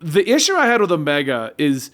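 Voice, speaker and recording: A man's voice: a little high, big pitch swings, brisk, a bit bright. A man co-hosting a casual pop-culture discussion, explaining his opinions in a chatty, rambling way. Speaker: show co-host.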